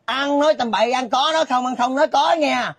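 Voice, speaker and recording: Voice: medium pitch, animated, husky. A performer playing a nosy village gossip who denies spreading rumors, in a sketch comedy. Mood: indignant. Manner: rapid, insistent, defensive chatter. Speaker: skit comedian.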